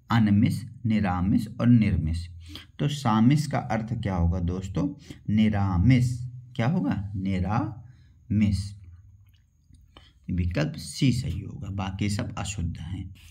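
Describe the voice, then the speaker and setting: Man teaching an exam-prep lesson, deliberate pace, warm mellow tone, asks then repeats each answer. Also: lowish voice. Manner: explains step by step, repeats questions and answers back to viewers. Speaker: Hindi teacher.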